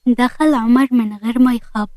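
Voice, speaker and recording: A woman with an Egyptian accent narrating a romance story in a steady reading voice. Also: on the high side, fairly quick, dry recording, poor audio.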